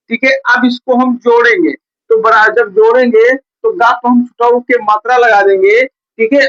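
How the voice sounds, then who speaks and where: A man with an extremely high, fairly bright voice teaches a beginners' reading lesson at a board in a coaching classroom. He's patient and keeps repeating checking words like "theek hai" and "bhaiya." The recording is dull and lo-fi.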